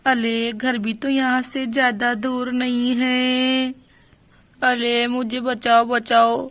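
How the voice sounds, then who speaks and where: A woman's voice: on the high side, flat delivery, slow, a bit bright, dry recording. Woman voicing a worried pregnant village aunt. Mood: distressed. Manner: anxious, pleading. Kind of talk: doll story role-play.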